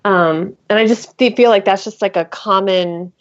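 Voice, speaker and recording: A woman's voice: mid-range voice, normal speed. A woman teacher and guest author in a casual podcast conversation, thinking aloud with fillers and restarts. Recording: dull lo-fi recording.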